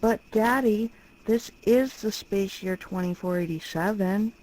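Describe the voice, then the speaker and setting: A woman's voice: medium pitch, a little slow, a little mellow, lightly acted, low-quality recording. A woman playing the spoiled, whiny teenage daughter of a space emperor in a comedic audio drama. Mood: wheedling.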